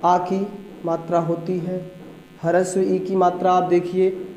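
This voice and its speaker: A man's voice: high voice, completely flat delivery, measured pace, a little mellow. A man teaching Hindi grammar for an exam, asking the class questions and answering them himself, repeating the key terms. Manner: addresses listeners as "bandhu" and "bhaiya". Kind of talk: exam-prep grammar lecture. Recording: roomy echo with mains hum.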